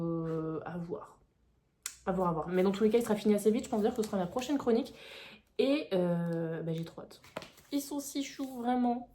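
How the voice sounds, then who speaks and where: A young woman in her twenties, a book vlogger, chats enthusiastically about her reading in a casual vlog filmed at home on her phone. Her voice is mid-range and mellow, and the phone mic picks up an echoey indoor room.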